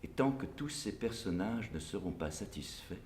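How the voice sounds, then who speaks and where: A man's voice: lowish voice, expressive, moderate pace, darkish tone. Wry theatrical male storyteller on stage. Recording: echoey stage from far off.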